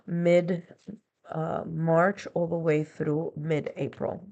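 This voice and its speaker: A tarot reader, stuffy and congested from feeling unwell, talks through a tarot and astrology reading in a conversational way, piling up near-synonyms for each point. Her deep voice is gravelly and mellow, with little pitch movement, and she takes it slowly. The recording is muffled.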